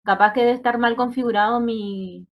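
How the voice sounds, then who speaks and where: A woman student who casually explains a software problem to her teacher. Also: a little high, steady tone, moderate pace, highs cut off. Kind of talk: asking questions in class.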